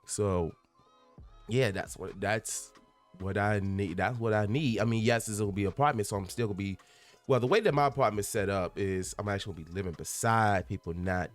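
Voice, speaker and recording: Speaking at a fairly low pitch, a man in his twenties hosts a casual solo podcast from a room at home among packed boxes. He's earnest and candid, rambling and often restarting or repeating himself for emphasis, with bursts of laughter.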